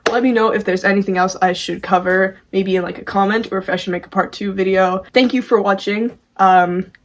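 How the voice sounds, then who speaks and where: Woman doing a how-to video, chatty and informal, kinda self-deprecating, normal mid pitch. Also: steady tone, brisk. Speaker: amateur vocalist presenting a tutorial. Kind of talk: casual video tutorial.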